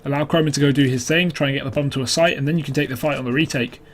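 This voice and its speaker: A man's voice: mid-range voice, steady tone, racing, slight background noise. Male esports caster with analytical, clipped calls. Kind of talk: esports match commentary with analysis.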